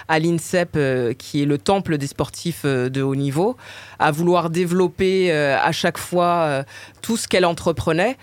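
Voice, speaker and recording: A woman's voice: deep voice, a little mellow, dry recording. Hesitant Parisian suburban woman. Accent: Paris suburban French. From Paris suburbs, France. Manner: hesitant, many fillers and restarts. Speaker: author and interviewee. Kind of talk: interview answers.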